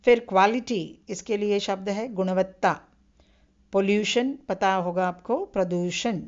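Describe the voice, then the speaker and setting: A woman's voice: mid-range voice, measured pace, darkish tone, lo-fi sound. A woman lecturing on Hindi vocabulary, patiently repeating each term and reminding listeners to remember it. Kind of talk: recorded online lecture.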